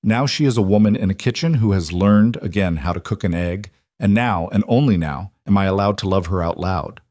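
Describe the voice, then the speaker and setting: Reserved powerful man, deliberate low delivery, voiced by the male narrator. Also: a little mellow, dry recording, studio quality, natural voice. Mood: tender.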